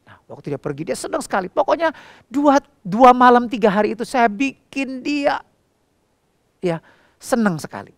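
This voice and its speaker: A middle-aged man preaching a sermon through a personal story, acting out dialogue and swinging between soft, low passages and loud, high outbursts. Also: big pitch swings, normal speed, dry recording, studio quality. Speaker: pastor.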